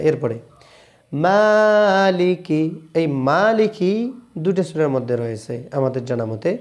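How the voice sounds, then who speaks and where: A man with a Bangladeshi Bengali accent teaching correct Quran pronunciation, switching between brisk explanations and slow, drawn-out chanted recitation. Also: on the high side, dark tone. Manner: alternates quick explanations with slow drawn-out chanted Arabic phrases.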